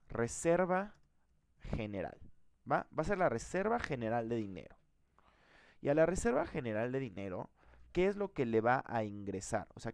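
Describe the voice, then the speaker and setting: A man's voice: mid-range voice, gravelly, a little mellow, no echo. A man teaching a live programming class, thinking aloud and asking the students questions.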